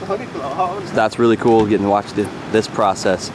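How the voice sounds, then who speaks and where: A man's voice: fairly low pitch, sing-song, moderate pace, noisy background. A man on a fishing trip, chatting casually and easily with some hesitant fillers. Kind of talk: casual chat.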